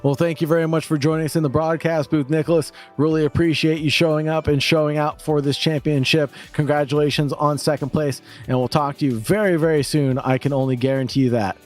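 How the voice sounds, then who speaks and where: Brief: warm-mannered broadcast co-host, higher male voice, light music bed. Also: steady tone, brisk, hardly any pauses. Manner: friendly, laughs often.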